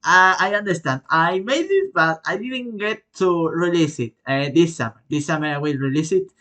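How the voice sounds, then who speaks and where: A man from Spain with a Spanish accent, answering viewer questions in a casual, halting way with many fillers and self-corrections. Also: on the high side, expressive, sharp tone. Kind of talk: casual Q&A vlog.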